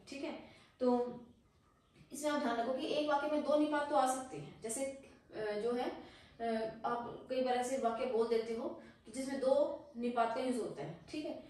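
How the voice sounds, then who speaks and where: A woman's voice: high-pitched, a little mellow. A woman teaching a grammar lesson, explaining step by step and checking in with the class after nearly every point. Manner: explanatory, frequent "theek hai" check-ins. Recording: very echoey room, voice from a distance.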